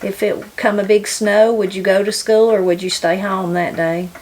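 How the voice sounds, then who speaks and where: A woman's voice: mid-range voice, flat delivery, normal speed, a little mellow, slight background noise, rough recording. A woman with a Southern Appalachian accent conducting a casual interview, asking informal questions and often murmuring short acknowledgements. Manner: informal, attentive backchannelling.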